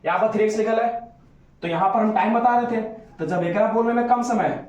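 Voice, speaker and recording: A man's voice: high-pitched, brisk, darkish tone, highs cut off. A male teacher giving a grammar lesson, stretching vowel sounds out to demonstrate them and coaxing his students with questions. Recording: very echoey room.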